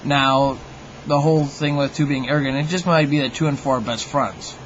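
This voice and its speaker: A man's voice: mid-range voice, steady tone, a little fast, muffled recording, slight background noise. A man hosting his own video, delivering a humorous monologue to viewers in a wry, mock-opinionated, tongue-in-cheek way. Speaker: video host.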